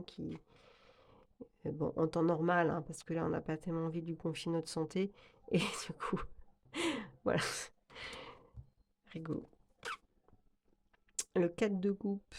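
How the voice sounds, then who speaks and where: A woman's voice: lowish voice, a little mellow. A woman hosting a casual tarot video, chatty and hesitant with many fillers and laughs. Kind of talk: casual chat about tarot cards.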